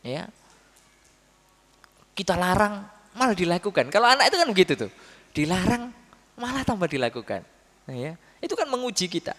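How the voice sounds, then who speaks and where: Male preacher, slightly high voice, animated storyteller who addresses listeners directly; long reverb of a big hall. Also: moderate pace, pauses often. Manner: lively storytelling with acted quotes and laughs; addresses the audience as Pak. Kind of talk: religious study talk.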